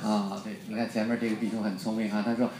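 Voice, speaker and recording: A man's voice: fairly low pitch, level tone, quick pace, darkish tone. Brief: Beijing man, storytelling preacher, joking, reverberant hall. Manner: joking, quizzes the audience. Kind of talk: storytelling sermon.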